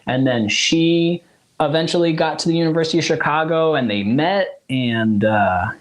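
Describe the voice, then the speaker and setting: Speaking at a normal speed in a voice on the high side, a Zulu-speaking South African man in his forties talks about his family as a musician guest in a casual interview. His telling rambles, with frequent laughs and restarts.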